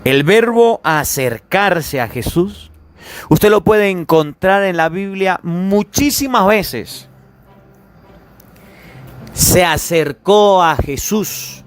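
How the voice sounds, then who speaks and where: A man's voice: high-pitched, lively intonation, drawn-out words. A man, a priest giving a sermon, repeating key phrases with emphasis and speaking straight to his listeners. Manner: repetitive, emphatic preaching that addresses listeners directly.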